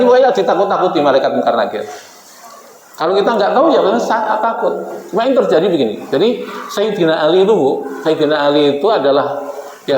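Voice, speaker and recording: Guy preaching to a hall crowd, highish voice, lots of echo, acts out the story bits. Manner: animated, acts out quoted figures, addresses the women present. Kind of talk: Islamic sermon with storytelling. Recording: echoey hall with faint background noise.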